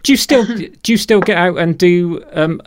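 A man's voice: high voice, normal speed. A man hosting a casual, chatty radio interview.

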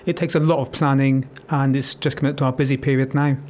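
A man's voice: mid-range voice, flat delivery, fast, darkish tone. A man being interviewed as an event organiser in a radio studio, answering steadily with frequent "you know" fillers.

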